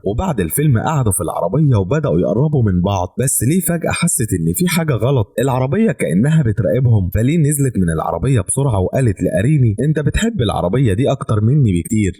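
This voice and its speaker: Rapid-fire Egyptian recap narrator. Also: male voice, lowish voice, warm tone, slightly rough. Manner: dramatic storytelling with rapid delivery. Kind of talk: scripted movie recap narration.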